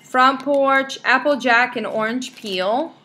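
A young woman with a bright, higher-pitched voice chats away to her viewers in a bubbly, rambling vlog. She keeps reading out product names with chatty asides, over a faint hiss in the background. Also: takes it slowly. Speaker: vlogger showing wax melts. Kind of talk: casual chatty haul vlog.

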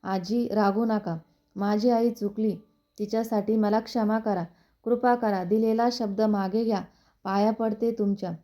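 A woman voicing a gentle young princess who pleads softly and slowly. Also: mid-range voice, fairly even intonation, close to an everyday voice. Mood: pleading.

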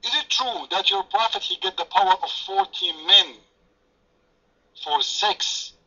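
A native French speaker moderates an online debate, tossing out sarcastic, taunting remarks. His high-pitched voice is bright and forceful, with lively intonation at a measured pace. The audio is lo-fi voice chat quality.

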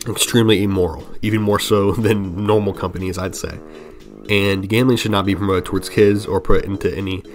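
A young man giving earnest opinion commentary over gameplay, rambling with frequent restarts. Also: low-pitched. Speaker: gaming commentary channel host. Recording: voice-over with faint music underneath.

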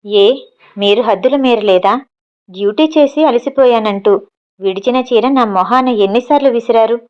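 A woman's voice: on the high side, normal speed, lo-fi sound, natural voice. A woman voicing a proud, educated young woman who works as a cook and answers back bluntly. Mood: defiant. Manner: cutting, matter-of-fact retorts.

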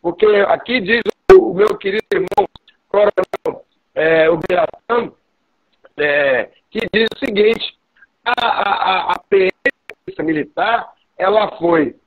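A woman's voice: lowish voice, expressive, breathy edge, dry recording, dull audio. Woman on a distorted, clipping call line. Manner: earnest, halting, frequent restarts. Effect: distorted, clipping audio. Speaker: lawyer, debate guest. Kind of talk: live online debate. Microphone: video call.

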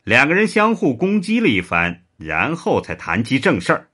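A man narrating a serialized historical story in an expressive, animated way. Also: medium pitch, normal speed.

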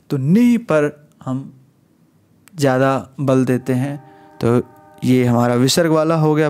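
Slow, patient Hindi teacher, a man. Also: fairly high pitch, a little mellow. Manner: slow, patient explaining with repeated phrases. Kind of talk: exam-prep lesson.

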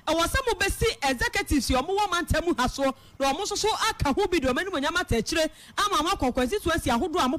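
High-voiced woman news reporter. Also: a bit bright.

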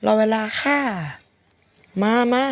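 A woman with a hoarse, sick-sounding voice giving casual game commentary, politely addressing her viewers. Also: slow, no room sound. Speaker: gaming video host.

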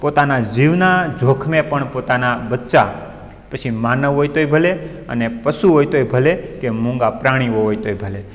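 A man's voice: mid-range voice, normal speed. A male teacher giving an online class, retelling a story and stopping often to explain the meaning of words. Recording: long reverb.

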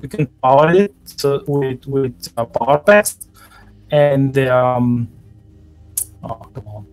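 A man running a tabletop game as game master over a choppy, glitching online call, talking haltingly with many fillers and restarts. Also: mid-range voice, darkish tone, soft background music, poor audio. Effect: choppy, glitching online call audio.

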